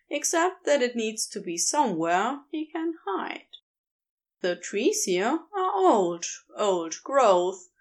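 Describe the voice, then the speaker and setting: A woman reads a fan fiction story aloud as a podfic, narrating expressively and deliberately. Her reading is lively, with wide swings in pitch, and she keeps to a slow storytelling pace.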